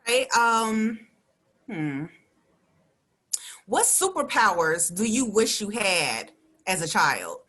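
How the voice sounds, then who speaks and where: A woman's voice: mid-range voice, very animated, slow, pauses often, fairly bright tone, slightly rough. A woman hosting a radio interview, chatty and slangy, with frequent laughs between her lines. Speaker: radio show host.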